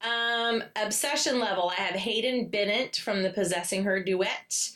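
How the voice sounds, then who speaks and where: A woman's voice: mid-range voice, normal speed, a bit bright, recorded from a distance. A young adult woman co-hosting a podcast, chatting casually about romance books and reading from a prepared list with dry, witty one-liners. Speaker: podcast co-host.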